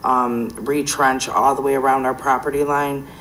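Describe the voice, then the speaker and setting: A woman's voice: very deep voice, level tone, moderate pace, a bit bright, a little hiss or hum, low-quality recording. A woman giving a plain, informal statement as a petitioner at a public meeting.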